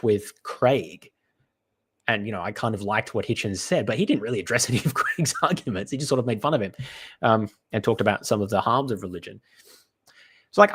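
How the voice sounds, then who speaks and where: A man with a congested, stuffy-nosed voice gives unscripted reaction commentary, halting and often restarting as he thinks aloud. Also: medium pitch, husky. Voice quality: stuffy nose from being sick. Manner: hesitant, halting, digressive with many restarts. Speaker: commentator reacting to apologetics content.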